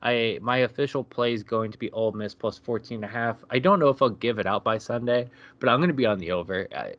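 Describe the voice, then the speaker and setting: A man's voice: mid-range voice, fast talker, no room sound, muffled recording. Laid-back man breaking down college football. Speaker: podcast co-host. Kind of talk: casual sports betting chat.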